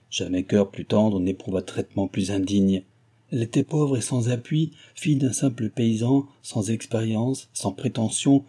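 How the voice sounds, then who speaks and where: A man's voice: lowish voice, dark tone, breathy edge. A man voicing a stern, brooding older man who moralizes severely, read as a character in an audiobook. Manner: severe, reproachful declaiming.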